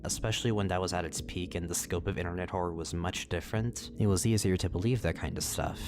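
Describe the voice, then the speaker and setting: A man's voice: low voice, fairly even intonation, quick pace, music in the background. A man narrating a scripted lore video, with casual asides and swearing.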